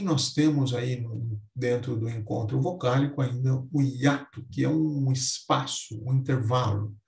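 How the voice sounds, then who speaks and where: A man teaching a Portuguese grammar lesson, speaking slowly and deliberately and stressing each example word. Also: mid-range voice, creaky, a little mellow, roomy sound.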